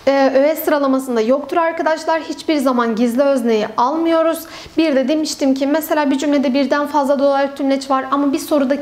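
A young woman teaching an online grammar lesson, who explains step by step and asks and answers her own questions. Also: sits high.

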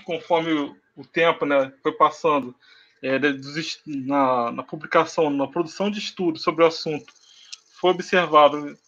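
A Brazilian man giving an online lecture over a video call, pausing often with filler sounds as he explains slides. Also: on the high side, a bit bright. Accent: Brazilian Portuguese. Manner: hesitant, many filler sounds. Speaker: university lecturer. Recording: dull lo-fi video call audio.

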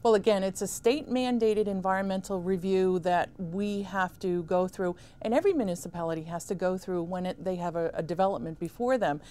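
Woman in her fifties, town official, measured and emphatic, studio interview, lapel mic, middle pitch. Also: warm tone, clear, resonant tone. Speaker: town supervisor. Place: small studio set with armchairs.

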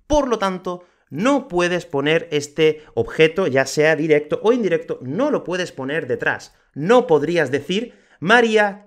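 A man from hosts a grammar lesson for learners, his voice sitting a little high and swinging widely in pitch. He slows right down for each example sentence and leans hard on the words that matter. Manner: slow, clear delivery of examples with lively emphasis. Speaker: Spanish teacher and podcast host. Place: home, moving to his terrace.

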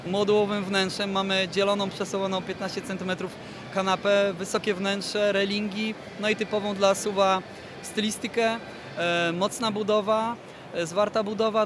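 Amid the bustle of a large indoor car show hall, a high-pitched man in his thirties, working as PR manager for a car brand, is interviewed for a promotional product presentation. A handheld microphone is held toward him as he speaks measuredly, stretching out frequent hesitations.

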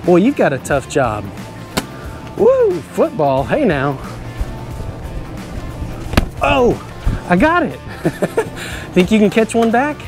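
A middle-aged man hosting a children's show as a cowboy, touring a stadium locker room with big enthusiasm and frequent laughs. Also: high-pitched. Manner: enthusiastic, exclamatory, laughs often. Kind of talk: upbeat kids' show tour hosting.

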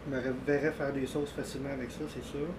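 A man with a Quebec French accent, talking through his hand over his mouth in a relaxed way while tasting peppers for a casual vlog. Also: mid-range voice, fast, roomy sound, far from the mic, noisy background. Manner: relaxed, thinking aloud with fillers. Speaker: hot pepper taster. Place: home room indoors.

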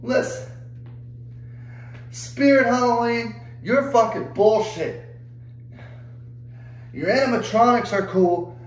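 A young adult male vlogger with a high-sitting, animated voice rants angrily to camera, exasperated and swearing nonstop. He speaks slowly and pauses often, in an echoey room on a low-quality recording.

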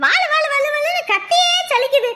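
A woman's voice: extremely high pitch, lively intonation, brisk, heavy background noise. An actress playing an irritable, spiteful woman who scolds and complains harshly. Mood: annoyed. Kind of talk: Tamil family drama acting.

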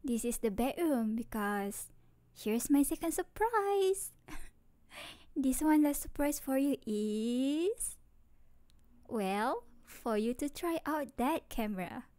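Close to the mic, a woman with a high, animated voice speaks slowly in a dark tone, with no echo. In a scripted ASMR roleplay she plays a sweet, playful young girlfriend, cutesy, tender and doting, sounding excited and loving.

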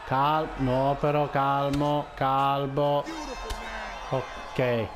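A man giving casual gameplay commentary, muttering to himself and repeatedly urging calm as he plays. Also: mid-range voice, drawn-out words, music in the background, a crowd in the background.

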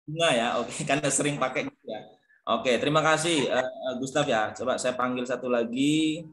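A man's voice: medium pitch, fairly quick, a bit bright, echoey room. Encouraging man teaching online. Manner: encouraging, calls on students by name. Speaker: lecturer. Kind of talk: online English pronunciation class. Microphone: video call.

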